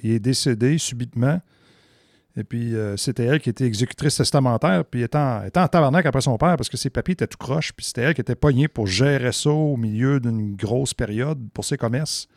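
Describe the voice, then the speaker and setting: Animated Quebec French man storyteller. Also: medium pitch, no echo, clean studio sound. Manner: animated, swears casually. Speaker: podcast co-host. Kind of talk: casual storytelling chat.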